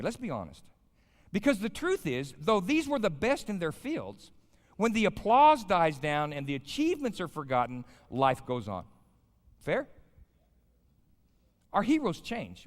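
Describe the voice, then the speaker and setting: Speaking as a guest pastor in a big indoor chapel, this American man in his fifties preaches in a relaxed, folksy style, weaving in stories and questions for the audience. His slightly high voice swoops wildly in pitch at a normal speed. The live hall leaves a long reverb.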